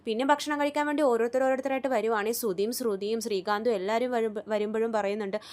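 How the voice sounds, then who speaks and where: Rapid-fire woman recapping a serial. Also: fairly high pitch, steady tone, darkish tone. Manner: rapid, chatty storytelling with frequent restarts. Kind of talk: casual retelling of a TV serial episode.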